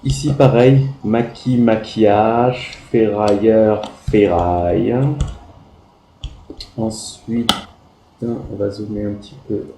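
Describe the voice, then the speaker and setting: Man, primary teacher correcting spelling, spells letters one by one, warm mellow tone, roomy echo. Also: lowish voice, steady tone, a little hiss or hum. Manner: slow, deliberate, spells words letter by letter. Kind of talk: correcting pupils' spelling work.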